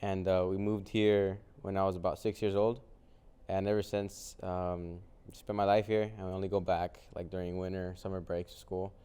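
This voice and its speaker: Speaking at a normal speed, a young adult guest from Mexico whose first language is Spanish chats about his work as a vintage clothing reseller in a laid-back interview. His voice is low, mellow and smooth, and he answers breezy questions loosely, sprinkling in plenty of "um" and "like."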